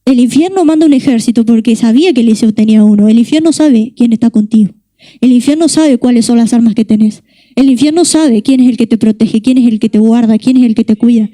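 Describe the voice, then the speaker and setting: A young woman with a Rioplatense Spanish accent preaches with passion, stacking up rhetorical questions. Her voice sits high yet sounds mellow and warm. The recording is dry and close. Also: fast talker, no echo. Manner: impassioned, repetitive rhetorical questions. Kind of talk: sermon.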